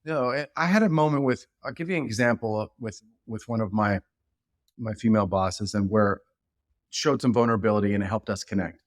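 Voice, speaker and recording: A middle-aged man, a leadership expert guesting on a podcast, telling stories in an animated, rambling way with many restarts. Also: lowish voice, a little fast, dry recording, studio quality. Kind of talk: casual podcast conversation.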